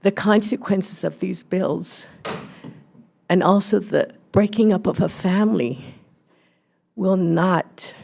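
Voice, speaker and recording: A middle-aged woman speaks at a hearing-room podium in a dark, gravelly voice. She talks slowly and earnestly, restarting her phrases as she goes. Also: medium pitch. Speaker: testifier at a public hearing. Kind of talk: public testimony. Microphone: podium microphone.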